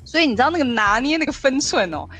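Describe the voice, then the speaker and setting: A woman hosting a podcast in casual chat, animated and acting out the voices she quotes. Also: sits high, quick pace, music in the background. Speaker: podcast host.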